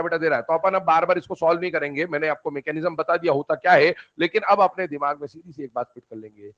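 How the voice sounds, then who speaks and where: Animated high-voiced male chemistry teacher. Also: dull audio. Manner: animated, calls students "beta", answers his own questions. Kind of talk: classroom lecture.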